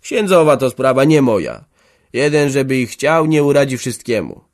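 A man's voice: mid-range voice, expressive, normal speed, pitched above the performer's own voice, natural voice. A man voicing a stubborn, hard-hearted old peasant farmer who speaks harshly and emphatically in an audiobook. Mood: stubborn, defiant. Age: older. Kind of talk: audiobook character voice.

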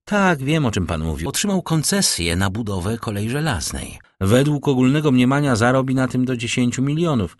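A man reading an audiobook, voicing a greedy, excited young social climber who brags a lot. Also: mid-range voice, fairly quick, hardly any pauses, no room sound, clean studio sound, voice pushed up, lightly acted. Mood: eager. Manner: bright, excited, boastful.

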